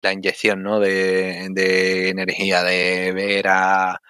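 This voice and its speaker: A man co-hosting a casual sports discussion, thinking aloud in a halting way and often adding little tag questions. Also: low-pitched, monotone, sharp tone, clear, resonant tone, dry recording, clean studio sound. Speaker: wrestling podcast host.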